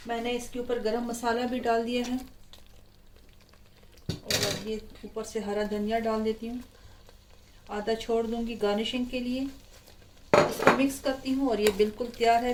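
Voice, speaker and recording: A woman, hosting a home cooking tutorial in a chatty, homely way from her kitchen. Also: fairly high pitch. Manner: chatty, homely, relaxed explaining. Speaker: cooking channel host. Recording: clear frying and stirring noise. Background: sizzling pan and stirring.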